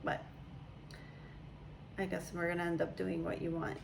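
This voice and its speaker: In a casual, rambling chat, a young mother explains her perspective, laughing frequently. She speaks at a moderate pace in a low, creaky, monotone voice, and the background is noisy.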